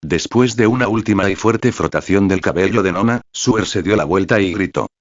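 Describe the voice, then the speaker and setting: A man narrating a story in an even, steady reading voice. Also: low-pitched, moderate pace, no room sound, muffled recording.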